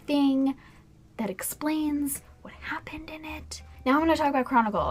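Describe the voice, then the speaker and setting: A young woman getting drunker as she gives a casual, rambling movie review to camera, with music behind her voice. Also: medium pitch. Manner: rambling, informal. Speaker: video blogger reviewing films.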